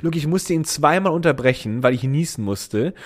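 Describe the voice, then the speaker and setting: A young man telling a funny story in casual chat, animated and laughing often as he goes. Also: a little high, normal speed. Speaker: podcast co-host.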